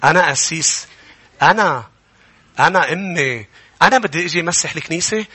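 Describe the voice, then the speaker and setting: A man with a Lebanese Arabic accent preaching a sermon as pastor, moving from calm teaching to a fervent call to the congregation. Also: fairly high pitch, brisk, slightly rough. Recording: music playing behind the voice.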